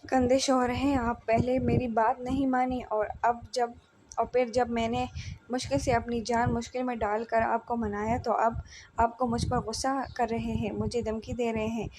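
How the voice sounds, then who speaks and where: A woman's voice: fairly high pitch, flat delivery, normal speed, noisy background, natural voice. A woman voicing a spoiled, teary young wife in a storybook romance, in a pleading and sulky tone.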